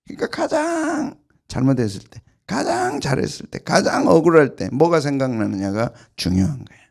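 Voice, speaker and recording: Emphatic, gravelly male pastor preaching. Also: on the high side, big pitch swings, normal speed. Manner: emphatic and repetitive, with sudden loud bursts and soft drops. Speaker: senior pastor. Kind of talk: early-morning prayer sermon.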